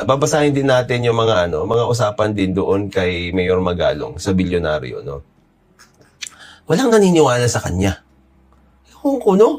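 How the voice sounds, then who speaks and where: A man giving casual political commentary in an exasperated, mocking way, jumping sharply up and down in pitch. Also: a little mellow.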